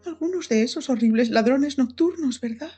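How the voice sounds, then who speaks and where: A woman voicing a fussy, motherly older lady who coos over the injured in slow, drawn-out words. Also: high-pitched, expressive, dark tone, slightly rough, soft background music, pitched above the performer's own voice. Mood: doting. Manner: slow, cooing and maternal.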